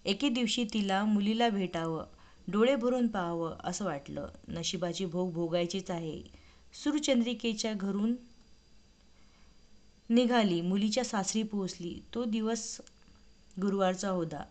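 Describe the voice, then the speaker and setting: A woman tells a devotional fasting story, reading at a measured pace with expressive shading. Her voice sits at an ordinary middle pitch.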